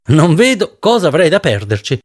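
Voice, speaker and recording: A man's voice: on the high side, big pitch swings, moderate pace. Man reading a shaken, grim man. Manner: muttering to himself, dry. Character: shaken, wounded grown man, grimly determined.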